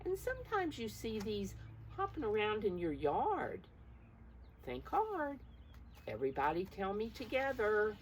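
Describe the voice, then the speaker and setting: A woman teacher with a mid-range voice and huge pitch swings reads a picture book aloud to preschoolers at an unhurried pace. She encourages the children with simple explanations and questions, stressing key words, and the recording is slightly noisy.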